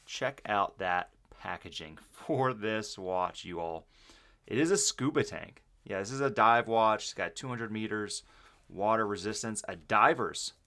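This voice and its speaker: A man's voice: fairly low pitch, sharp tone. A man casually unboxing and reviewing a watch, chatty and enthusiastic, thinking aloud with fillers.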